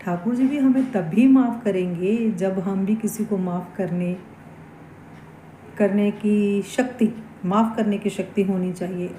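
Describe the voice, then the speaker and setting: A woman shares reflective spiritual thoughts in an unhurried, earnest way. Her tone is mellow and fairly flat, without much lift. The room around her is echoey, with a faint hiss underneath. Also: mid-range voice. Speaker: devotional vlogger. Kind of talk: casual spiritual talk.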